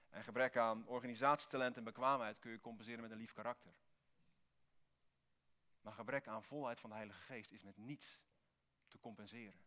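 Male pastor, mid-pitched, earnest sermon delivery with emphatic peaks. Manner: earnest, with sudden lively emphasis.

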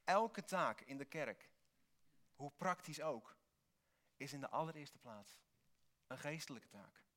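A man preaching a sermon in Dutch, earnest, with bursts of lively emphasis. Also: on the high side, slow. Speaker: pastor.

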